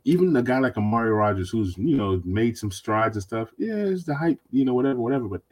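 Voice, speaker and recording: A man's voice: mid-range voice, very animated, fast talker. A man hosting a sports podcast, chatting casually and animatedly, with mocking voices when he quotes others. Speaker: podcast host.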